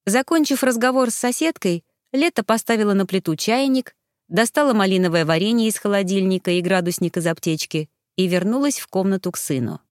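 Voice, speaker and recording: A woman reading a story aloud in calm, measured narration. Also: mid-range voice, no room sound, clean studio sound. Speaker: audiobook narrator. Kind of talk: scripted narration.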